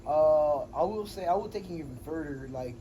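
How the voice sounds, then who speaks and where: A man in his twenties from Honduras, chatting casually as an interview guest, relaxed and slangy with many fillers and restarts. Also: on the high side, fairly quick, lo-fi sound, slight background noise. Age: 20s. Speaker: MMA fighter, guest.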